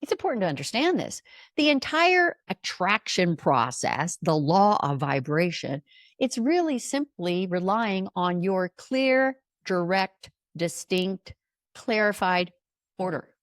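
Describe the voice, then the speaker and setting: A woman's voice: lowish voice, big pitch swings, slow pace, dry recording, clean studio sound. A woman hosting a motivational podcast as a life coach, speaking emphatically and repeating her key words.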